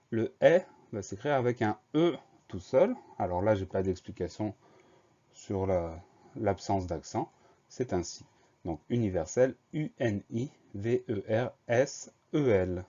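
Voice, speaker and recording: A man's voice: on the low side, dark tone. A man teaching a spelling lesson, patiently explaining rules and spelling words letter by letter. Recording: dull lo-fi sound.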